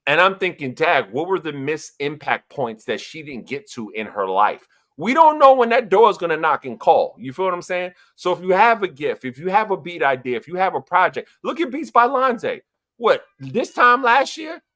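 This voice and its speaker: This host, a man with a New York accent, runs a casual livestream panel via video call in a high, very animated voice at a moderate pace. The tone is bright and forceful, motivational and emphatic, and he repeats himself for effect.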